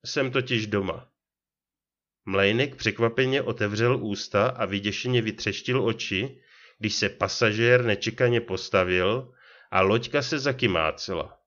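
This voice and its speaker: Low-voiced man narrating a horror story. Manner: steady, measured reading. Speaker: audiobook reader. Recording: dull lo-fi recording.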